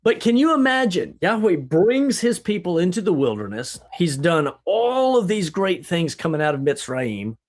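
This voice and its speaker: Animated man teaching scripture, high-pitched. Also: moderate pace, hardly any pauses. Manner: exclamatory, rhetorical questions, frequent "right?". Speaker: livestream Bible teacher. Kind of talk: animated Bible study discussion.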